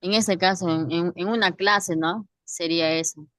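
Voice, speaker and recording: A female student giving a short class presentation, halting and repeating words. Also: lowish voice, fairly even intonation, no echo, clean studio sound.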